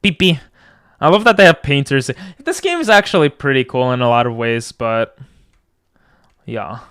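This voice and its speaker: Clear-voiced young-sounding male game streamer. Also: mid-range voice, animated, moderate pace, a bit bright. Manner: reacts to chat, thanks viewers, drifts between asides. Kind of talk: casual livestream gaming chat.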